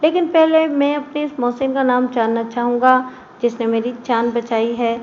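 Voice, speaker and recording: A woman's voice: on the high side, flat delivery, normal speed, a little mellow, a little hiss or hum, lightly acted. Woman doing wounded man on the run, bitter, weary, audio story, muffled recording. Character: wounded, bitter young male engineer on the run.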